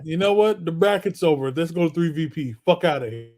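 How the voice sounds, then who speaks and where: A man's voice: a little high, expressive, a little fast, a little mellow. A man joining a casual group chat, teasing and joking in short bursts. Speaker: panel guest.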